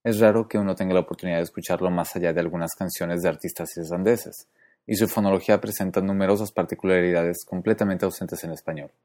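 A man hosting a podcast, explaining pronunciation methodically, spelling out letters and repeating sounds slowly. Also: low voice, fairly even intonation, darkish tone. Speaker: podcast host.

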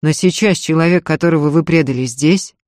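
A man voicing a gruff, contemptuous nobleman husband in an audiobook reading. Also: fairly high pitch, brisk, darkish tone, no echo, studio quality, lightly acted. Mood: weary scornful. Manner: curt and scornful, speaking through his teeth.

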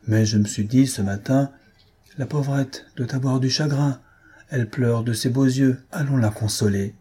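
A man's voice: mid-range voice, fairly even intonation, moderate pace, warm tone, breathy edge, close to an everyday voice. A man reading aloud and voicing a sly, wheedling older man who speaks in honeyed tones.

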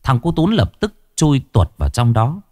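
A man narrating a ghost story in an expressive, colloquial way. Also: mid-range voice, moderate pace, no room sound, clean studio sound.

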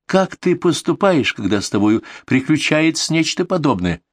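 A man voicing Ktoya, a curious and skeptical woman, in an audiobook reading, asking her questions slowly in a raised voice. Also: very animated, dry recording. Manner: high, slow, questioning.

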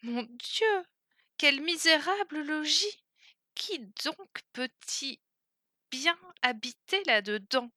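A woman voicing a spoiled young princess who speaks in a high, lamenting, fussy way. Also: expressive, measured pace, bright, forceful tone, no echo, clean studio sound, exaggerated voice. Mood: plaintive.

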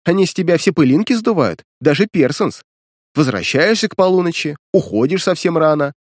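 A man's voice: a little high, animated, brisk, no echo, studio quality, pitched above the performer's own voice, lightly acted. A man reading an audiobook voices a sarcastic, mocking young woman student who scolds and teases the hero. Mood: scolding.

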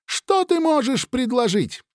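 A man's voice: very high-pitched, sing-song, unhurried, dry recording, studio quality, voice pushed up, full character voice. A man reading an audiobook, voicing a haughty alien intelligence with a thin voice, somewhere between a woman and a child. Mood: taunting. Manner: cold, haughty, taunting. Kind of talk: audiobook character voice.

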